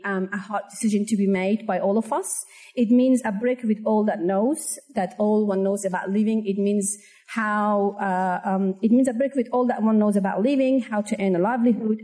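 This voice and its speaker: A woman from Afghanistan giving an earnest, measured presentation as a panel speaker at a conference. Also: mid-range voice, warm tone, poor audio. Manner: earnest, measured address to an audience.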